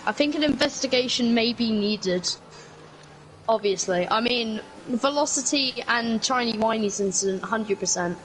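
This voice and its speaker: A woman's voice: fairly high pitch, normal speed, a little hiss or hum, rough recording. Chatty woman co-commentating a sim race. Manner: chatty, reads chat aloud, frequent exclamations. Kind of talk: casual sim racing commentary.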